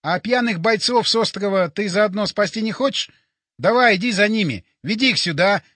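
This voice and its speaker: A man's voice: sits high, lively intonation, normal speed, pushed and bright, no echo, voice pushed up, heavily acted. A man voicing a stubborn young male sidekick in an audiobook, who talks in a sarcastic, lecturing way. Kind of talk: audiobook character voice.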